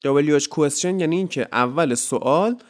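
Man, English teacher, casual podcast lesson, chatty explaining, slow careful example sentences. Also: fairly high pitch. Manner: says English example sentences slowly and deliberately; explains grammar in a friendly, chatty way.

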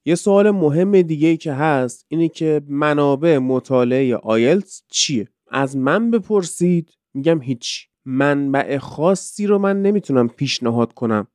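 Iranian guy teaching english on his podcast, kinda high smooth voice, dry close sound. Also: lively intonation, few pauses, a little mellow, dry recording. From Iran. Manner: conversational, explains with rhetorical questions. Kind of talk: casual advice podcast.

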